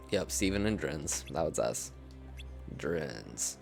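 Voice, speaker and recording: A man's voice: sits low, huge pitch swings, slow pace, creaky, a little mellow, faint music behind. A young man chatting casually and rambling in a self-deprecating way as he plays a video game. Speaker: streamer. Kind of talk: casual gameplay commentary.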